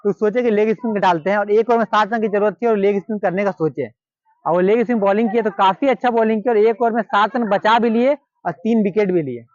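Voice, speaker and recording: A man's voice: sits high, quick pace, dry recording, highs cut off. A man with a Hindi-speaking Indian accent telling a cricketer's story in a casual, repetitive, conversational way, acting out the quoted lines.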